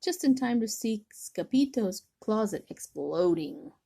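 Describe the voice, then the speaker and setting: Older woman slowly reading a storybook. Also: medium pitch, expressive, creaky, breathy edge. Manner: slow, gentle reading with small stumbles. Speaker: grandmother reading a picture book. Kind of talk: storybook read-aloud.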